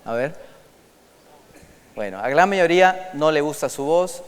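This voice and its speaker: A man speaking to a large auditorium through a microphone, his smooth, resonant voice carrying a long hall reverb. He lectures in an animated way, asking the crowd questions and switching into English to quote. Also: fairly high pitch, unhurried. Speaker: conference speaker. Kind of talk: lecture to an audience.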